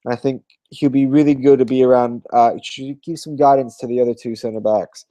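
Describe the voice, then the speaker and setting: A tired man talks football on a podcast in a mellow, darker voice, rambling along and often correcting himself with fillers. The sound is dry and close, with no room around it. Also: mid-range voice, steady tone, fairly quick, dry recording. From Australia. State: tired, yawning. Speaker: podcast co-host. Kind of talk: casual football chat.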